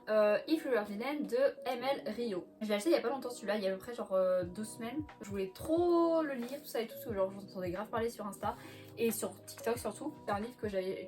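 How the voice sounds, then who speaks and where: A young woman with a fairly high voice chats casually about her books, laughing often and tossing in little hesitations. Soft music plays quietly behind her. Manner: chatty, laughs often, many fillers. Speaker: book vlogger. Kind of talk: casual chat. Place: bedroom floor by a bookcase.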